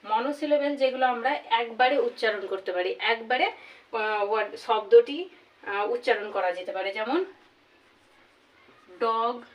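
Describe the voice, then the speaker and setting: A woman teaching a grammar lesson, slowly repeating each example word. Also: on the high side. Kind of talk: classroom lesson. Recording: voice from far off the mic.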